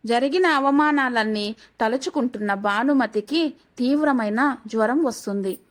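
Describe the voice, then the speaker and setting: A woman narrating a family story in an even, scripted storytelling manner. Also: fairly high pitch, normal speed.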